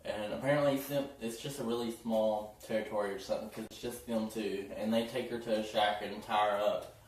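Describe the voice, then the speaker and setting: A man's voice: lowish voice, fairly even intonation, brisk, distant mic. A man giving a casual, chatty episode recap, often laughing and acting out what characters said. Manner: chatty, giggly, acts out characters' lines. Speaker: TV episode reviewer. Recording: very echoey room, voice off-mic, faint music.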